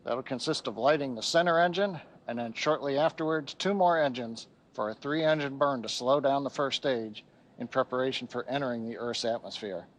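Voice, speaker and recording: A man's voice: medium pitch, normal speed. A man hosting a live launch webcast with explanatory technical commentary.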